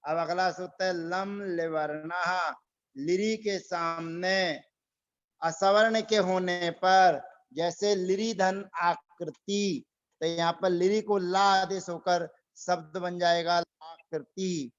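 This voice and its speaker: Slow high-voiced grammar teacher. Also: male voice, fairly even intonation, lo-fi sound. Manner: slow, repeats rules and drills pronunciation. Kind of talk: online grammar class lecture.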